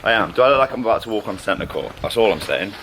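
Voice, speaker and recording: A man's voice: fairly low pitch, expressive, quick pace. A man with a British accent making dry, joking small talk in casual vlog banter. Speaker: vlog companion. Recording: loud background noise.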